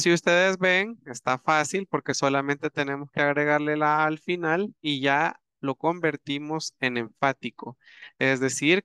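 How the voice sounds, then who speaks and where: Slow, bright-voiced man teaching. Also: medium pitch, clear, resonant tone, no room sound, studio quality. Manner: patient, repeats and spells out examples with many fillers. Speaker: language teacher. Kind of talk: explaining a grammar lesson.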